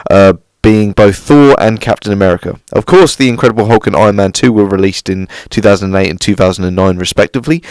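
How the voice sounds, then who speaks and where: A man co-hosting a film review podcast in a studio, measured and partly reading from notes, with frequent ums. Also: fairly low pitch, a little mellow, smooth, no echo, low-quality recording.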